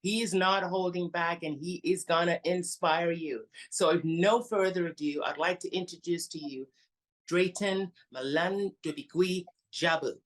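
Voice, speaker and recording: A woman hosts an interview show, greeting her guest and asking about his life. She calls him honey and hon again and again, in a somewhat low voice for a woman. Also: unhurried. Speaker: show host. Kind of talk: interview hosting.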